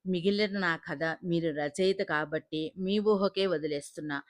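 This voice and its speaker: A woman reading the part of a young married woman who speaks politely and softly. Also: fairly low pitch, unhurried, no echo, studio quality, natural voice. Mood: gentle.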